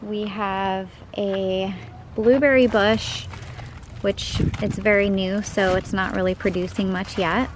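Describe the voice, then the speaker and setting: A young woman strolls through her backyard garden and talks into a handheld camera, chatty and easygoing. Her delivery is slow and unhurried at a middle pitch. Clear outdoor background noise runs under her voice. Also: steady tone. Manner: chatty and enthusiastic, pointing things out as she walks. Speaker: home gardener giving a garden tour. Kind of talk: casual garden tour vlog. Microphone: handheld camera, filming while walking.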